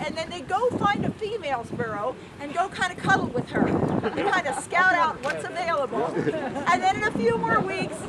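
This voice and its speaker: A woman hosting an outdoor ceremony, giving an informal, halting, explanatory welcome speech to a public gathering. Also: very high-pitched. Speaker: ceremony host, groundhog handler. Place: outdoor town square. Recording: loud outdoor wind and street noise.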